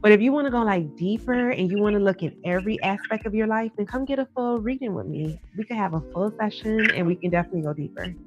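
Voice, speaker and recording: A woman's voice: mid-range voice, fast talker, few pauses. Lo-fi psychic hotline woman, encouraging. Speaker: psychic tarot card reader hosting a live call-in. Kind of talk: psychic hotline patter and casual advice. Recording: dull lo-fi sound with music behind.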